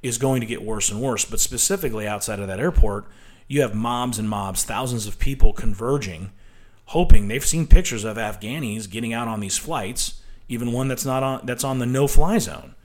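A man's voice: medium pitch, normal speed. A man hosting a political commentary show, talking in an emphatic, combative monologue and often tagging his points with a questioning aside. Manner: emphatic, combative, repeats "right?".

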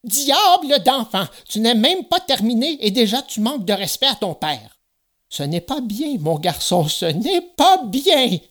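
A man's voice: high voice, sing-song, slow pace, pauses often, a bit bright, full character voice. A man reading a storybook aloud, voicing a fussy, easily vexed old woodcarver with theatrical exclamations. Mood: sorrowful.

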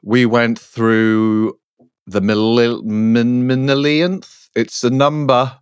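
A man co-hosting a podcast, recapping fantasy lore in casual chat, halting and self-correcting as he goes. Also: mid-range voice, level tone, smooth, dry recording, studio quality. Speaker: podcast co-host.

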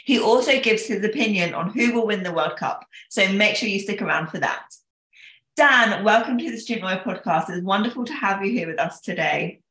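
A woman's voice: mid-range voice, animated, fairly quick, fairly bright tone, roomy sound. A young woman hosting a podcast interview, speaking with many fillers and hesitations. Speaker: podcast host.

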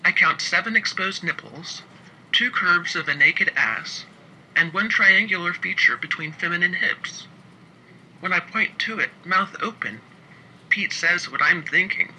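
A man telling a wry first-person story about his work as an inspector, moving between quick asides and slow, emphatic phrasing. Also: sits high, bright, forceful tone, slight background noise, low-quality recording.

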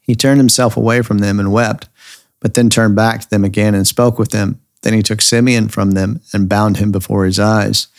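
A man's voice: fairly low pitch, level tone, normal speed, no room sound, clean studio sound. A man steadily reading scripture aloud for a daily reading podcast. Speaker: scripture reader.

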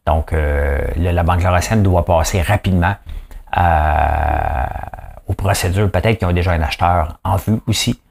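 A man with a Québécois accent rants through the news in a folksy, emphatic way, firing off rhetorical questions and playing out little quoted exchanges. His voice sits very low and deep. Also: normal speed, gravelly, darkish tone. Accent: Québécois French. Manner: acts out quoted voices mid-rant. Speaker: podcast host. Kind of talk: opinionated news commentary.

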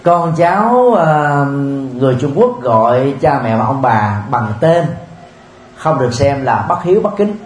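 A man giving a Buddhist dharma talk, speaking in a measured way with frequent pauses and filler sounds. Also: mid-range voice, very animated. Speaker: Buddhist teacher. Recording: roomy with faint ambient noise.

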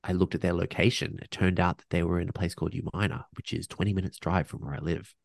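A man's voice: low voice, fairly even intonation, fast, creaky, no echo, clean studio sound. A man speaking as a podcast guest in casual conversation, reflective and earnest, restarting sentences often and sprinkling in slang.

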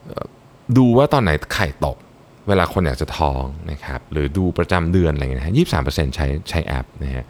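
Lively deep-voiced Thai man. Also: fast talker, slight background noise. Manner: lively, mixes English terms, frequent polite particles. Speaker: podcast host. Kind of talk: solo explanatory talk.

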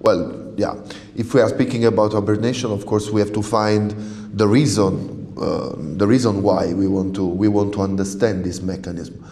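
Interviewed in English, a radiobiologist guest whose first language is Italian, a man from the south of Italy, gropes for words with many fillers and restarts. His voice is on the low side and warm, fairly even in intonation at a moderate pace, set in an echoey room with a long reverb tail.

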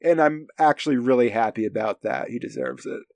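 A man co-hosting a casual film discussion from his home, speaking in hesitant, halting phrases with a creaky voice. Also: mid-range voice, a little mellow, no room sound. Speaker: podcast co-host. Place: home basement. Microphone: recorded at his end of an internet call.

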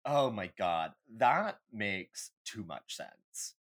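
Very animated and drawing out his words, a podcast co-host with a fairly low, slightly bright voice jokes around casually. He is emphatic and opinionated, and he swears now and then.

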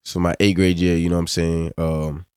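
A man's voice: low-pitched, level tone, fairly quick, darkish tone, clear, resonant tone, dry recording, clean studio sound. A young man with a West African accent, chatting casually as a podcast guest in a laid-back, slangy way, dropping "bro" constantly. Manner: laid-back, slangy, says "bro" and "you know what I'm saying" constantly. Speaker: pro soccer player, guest.

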